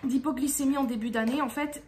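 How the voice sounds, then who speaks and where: A woman's voice: high voice, steady tone, quick pace, darkish tone. A woman vlogging to her viewers in a casual, exasperated way, rambling with frequent restarts. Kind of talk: casual venting vlog.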